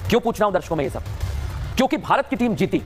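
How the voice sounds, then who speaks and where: A man's voice: high voice, big pitch swings, rapid-fire, faint music behind. A male news anchor delivering emphatic, dramatic commentary full of rhetorical questions to viewers.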